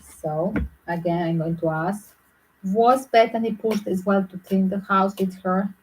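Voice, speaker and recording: A woman tarot reader talking to her viewers in a loose, rambling way, often filling pauses with "like". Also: mid-range voice, fairly even intonation, slight background noise, rough recording. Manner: rambling, frequent "like" fillers. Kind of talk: casual speculative monologue to viewers.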